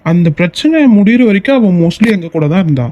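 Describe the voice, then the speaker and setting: A man's voice: high voice, expressive, fairly quick, mellow. A man voicing a protective young male lover in a cartoon, stern and questioning.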